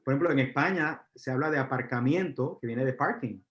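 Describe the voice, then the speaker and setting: A man's voice: medium pitch, brisk, fairly bright tone. Puerto rican guy teaching a class, lots of "eh" fillers, echoey room, kinda muffled. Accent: Puerto Rican Spanish. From Puerto Rico. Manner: frequent fillers, asks the audience questions. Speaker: university lecturer. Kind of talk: live lecture to an audience. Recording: roomy, dull lecture recording.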